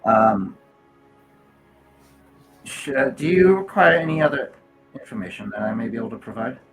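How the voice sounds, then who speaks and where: A game master voicing a polite, formal admin droid who sounds like an apologetic butler, with stiff, overly courteous phrasing. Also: male voice, medium pitch, lively intonation, moderate pace, over music, close to an everyday voice.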